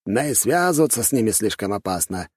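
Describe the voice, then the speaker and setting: A gruff old elder , played by a male narrator, speaks high and husky, with a slow grumble. He sounds weighty and wary. The recording is dry. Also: very animated, dry recording. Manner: impressed, gruff. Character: red-bearded old male elder in blue.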